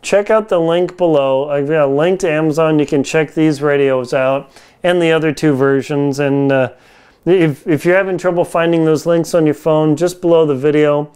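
This product reviewer, a man in his forties, talks casually and with plenty of slang straight into the camera from his home kitchen. His fairly high voice is very clean and smooth yet darkish in tone, with fairly even intonation and normal speed. He wears a lapel mic.

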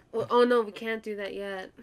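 A woman's voice: mid-range voice, steady tone, moderate pace. A woman playing a co-op video game, chatting casually and laughing often. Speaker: gamer. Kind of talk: casual co-op gameplay chat.

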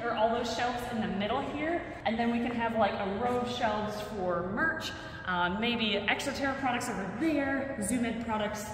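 A young woman's slightly high voice moves at a normal speed as she excitedly hosts a casual vlog tour, projecting to the camera. She walks through an empty indoor warehouse and bare rooms that make everything echo. The camera mic, a short distance away, also records some noise.

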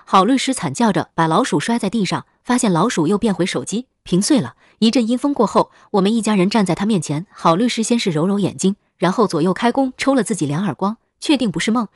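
A woman reading a scripted horror story as narrator, in a brisk, even storytelling manner. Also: mid-range voice, husky, no echo, clean studio sound.

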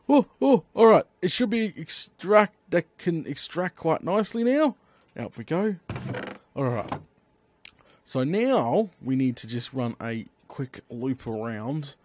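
A man giving chatty, excitable Let's Play commentary, talking to himself as he builds and bursting into eager exclamations. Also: mid-range voice, a little slow, no echo. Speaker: gaming YouTuber.

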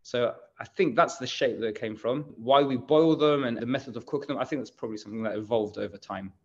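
A man's voice: medium pitch, fast. Guy chatting in an interview, lots of "like" and "you know", bit muffled sound. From England. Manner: chatty, rambling explanations with many fillers. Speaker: bakery managing director. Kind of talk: casual interview answers.

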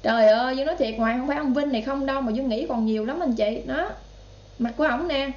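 A woman's voice: high voice, fast, darkish tone. A woman with a Southern Vietnamese accent giving political commentary in a vlog, indignant and talking straight to her viewers. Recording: roomy, slightly dull sound.

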